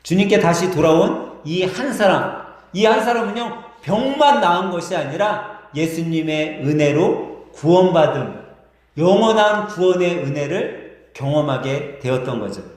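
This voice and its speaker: Male pastor, vivid sermon storyteller, fairly high voice, very echoey church. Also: expressive, unhurried. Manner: vivid storyteller, varied pace. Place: church sanctuary.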